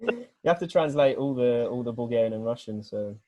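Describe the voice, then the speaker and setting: A man's voice: mid-range voice, animated, fairly quick, darkish tone, dry recording, dull audio. A man from Britain, a weightlifting coach, explains his ideas at length on a group video call. His voice sits mid-range and sounds dry and close, and he often restarts his sentences while thinking aloud. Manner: earnest, rambling explanation with many restarts. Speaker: weightlifting coach, guest speaker.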